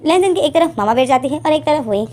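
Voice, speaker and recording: A woman's voice: high-pitched, lively intonation, fast, dark tone. A woman casually retelling a fan story, chatty and simple. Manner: chatty, simple linking phrases.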